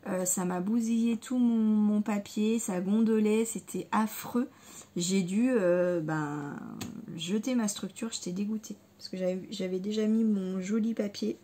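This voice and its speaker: A woman's voice: medium pitch, a little slow, warm tone. Chatty woman showing her crafting haul. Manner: hesitant, many fillers and repeated words; enthusiastic about materials. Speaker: scrapbooking vlogger. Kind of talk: casual haul video chat.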